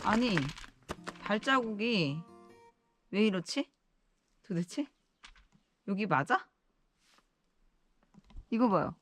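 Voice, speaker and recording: A woman's voice: medium pitch, expressive, slow pace, pauses often, faint music behind. A woman talking casually to viewers on an outdoor vlog, nervously muttering to herself as she walks carefully. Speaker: solo backpacking vlogger. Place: outdoors in an icy valley.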